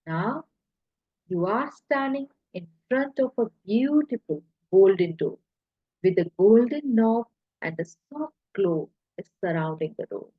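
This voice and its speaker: A woman of medium pitch narrates guided hypnosis relaxation in a husky, breathy, expressive voice at a very slow pace. She soothes deliberately with short, paused phrases, recorded with an echoey, slightly muffled quality.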